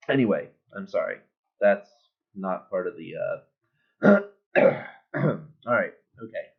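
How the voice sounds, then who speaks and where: An amateur actor who breaks off with an apologetic, self-correcting aside, recorded on a built-in webcam mic. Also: male voice, deep voice, animated, normal speed, creaky, slightly rough. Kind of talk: casual aside. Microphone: built-in computer webcam mic. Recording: tinny, phone-like webcam audio.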